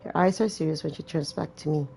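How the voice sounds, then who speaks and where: A woman's voice: low-pitched, fast, vocal fry, mellow, a little hiss or hum. A woman reading a visual novel aloud as a gamer, with casual, irreverent and sweary asides. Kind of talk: let's-play reading with casual commentary.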